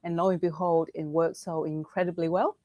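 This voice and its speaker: A middle-aged woman hosts a live online Q&A over a video call, her voice sitting a little low. She speaks hesitantly, with frequent fillers and restarts, and the sound is dry and close. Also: little pitch movement, a little fast, mellow, no echo, muffled recording. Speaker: brand founder and host.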